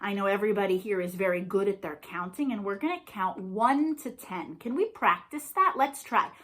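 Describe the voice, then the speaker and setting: A librarian hosts storytime for young children, reading aloud and chatting in a sing-song, encouraging way full of questions and praise. Her mid-range voice is a bit bright and moves at normal speed.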